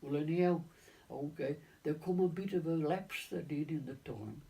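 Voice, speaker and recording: A man in his nineties tells his wartime navy memories in halting, restarting phrases, leaning on "of course". His voice is gravelly and slightly raised in pitch. He sits a little away from the microphone. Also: dark tone. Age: 90s. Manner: halting, with many restarts and repeated words; leans on stock phrases like "of course" and "lo and behold". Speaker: navy veteran recounting wartime service. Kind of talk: oral history reminiscence. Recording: voice distant from the mic.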